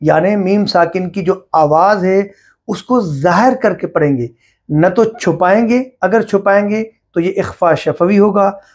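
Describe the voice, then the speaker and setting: A middle-aged man teaching Quran recitation rules, explaining each point slowly and step by step. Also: high voice, darkish tone. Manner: slow, deliberate, explaining step by step. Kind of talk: religious lesson on recitation rules.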